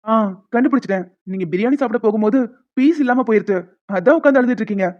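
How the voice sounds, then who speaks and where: A woman voicing a gentle, teasing young man in a cartoon, coaxing and joking as he talks. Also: a little high, very fast, lo-fi sound, lightly acted. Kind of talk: cartoon voice acting.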